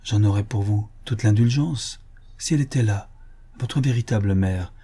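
A man's voice: on the low side, normal speed, mellow, slightly rough. Man voicing a tender aging countess mother. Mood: tender pleading. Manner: pleading, affectionate. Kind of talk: audiobook character reading.

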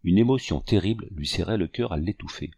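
Un narrateur de livre audio au récit mesuré, voix râpeuse, son très sec. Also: male voice, low voice, animated, creaky, dark tone, slightly rough, no room sound. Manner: measured storytelling. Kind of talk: scripted narration.

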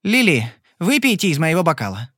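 A man voicing a charming young gambler in an audiobook, smooth and mocking. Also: a little high, very animated, a little fast, fairly bright tone, no room sound, clean studio sound, voice pushed up. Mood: cool. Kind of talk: audiobook character voice.

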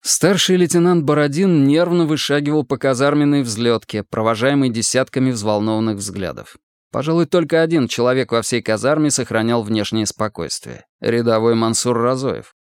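A man reading an audiobook in lively, expressive narration. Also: mid-range voice, moderate pace, smooth, no room sound. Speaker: audiobook reader. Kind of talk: scripted narration.

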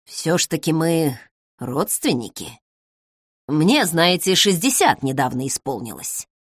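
A woman's voice: low voice, big pitch swings, a little slow, breathy edge, no echo, clean studio sound, full character voice. A woman reading the part of an apologetic, hesitant 60-year-old retired male accountant.

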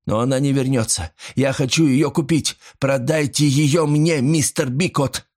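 A man voicing a nervous old male pawnbroker who pleads breathlessly, rising into shrill panic. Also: unhurried, a little mellow, natural voice. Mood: panicky.

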